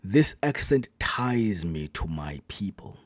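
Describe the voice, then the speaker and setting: A man reacting to a poem, giving thoughtful, analytical commentary that often trails off quietly at the end of a thought. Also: low voice, sing-song, slow, no room sound, studio quality.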